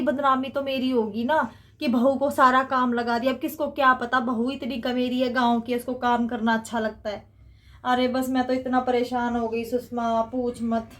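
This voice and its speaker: A woman's voice: high-pitched, a bit bright. A middle-aged woman with a Haryanvi accent playing a chatty, gossipy mother-in-law in a comedy skit.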